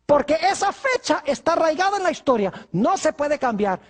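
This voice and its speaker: A man's voice: very high-pitched, sing-song, moderate pace. A male pastor preaching a sermon, asking his congregation rhetorical questions.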